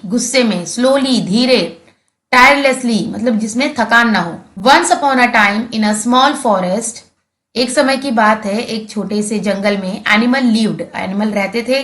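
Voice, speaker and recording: An Indian woman teacher, a Hindi speaker, explaining English textbook words slowly and patiently, repeating each key word. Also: on the high side, fairly bright tone.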